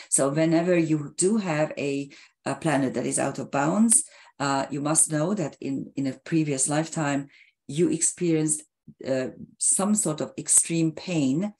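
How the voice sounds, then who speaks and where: A woman astrologer explaining a chart in a halting, hesitant way, hoarse as she is losing her voice. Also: low-pitched, a little mellow. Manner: halting and hesitant, with frequent filler sounds and restarts.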